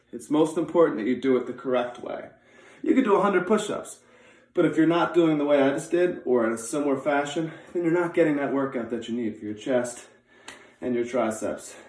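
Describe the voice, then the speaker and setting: Echoey, higher-pitched man coaching exercise. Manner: encouraging, counts repetitions aloud in raised voice; informal, repeats instructions. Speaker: physical education teacher. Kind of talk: instructional exercise demonstration. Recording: echoey room.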